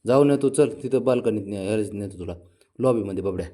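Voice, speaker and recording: A man's voice: lowish voice, fast, mellow. A man at home coaxing his sulking pet cat, calling it again and again and pleading with it to get up. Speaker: pet owner.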